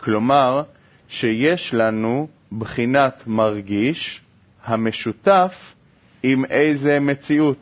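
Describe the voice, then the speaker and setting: Man reading a text aloud in a lesson. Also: medium pitch. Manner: quick, steady recitation. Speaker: reader. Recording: dull lo-fi recording.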